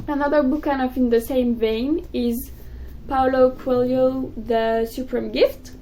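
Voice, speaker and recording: A young woman, a native French speaker, chatting excitedly about books in a casual vlog. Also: sits high, slight background noise, low-quality recording. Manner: excitable, gushing, quick bursts. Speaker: book vlogger. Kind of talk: casual chat to camera.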